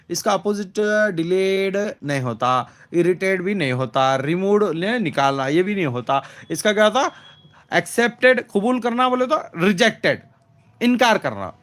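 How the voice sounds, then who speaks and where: A high-voiced male teacher goes through exam questions. He asks each question aloud and answers it himself, with plenty of fillers and repeats. He slows to a crawl when reading English lines and presses viewers to comment fast. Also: a bit bright. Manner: urges viewers to comment quickly.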